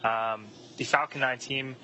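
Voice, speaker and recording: A man's voice: medium pitch, fairly even intonation, unhurried, lo-fi sound, background noise. A man giving explanatory live commentary as a launch broadcast commentator.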